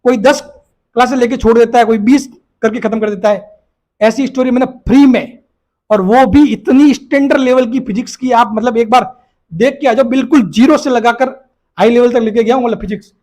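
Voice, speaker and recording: Male exam-prep teacher, very high voice, emphatic and repetitive, keeps checking that students follow. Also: a little fast, darkish tone. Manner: emphatic, repeats points, asks "बात clear?". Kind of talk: casual talk to students.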